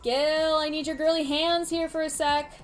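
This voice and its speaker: A woman voicing an earnest, bold young female customer in a story game, pouty and bright. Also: high-pitched, level tone, normal speed, soft background music, voice pushed up, natural voice. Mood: playful.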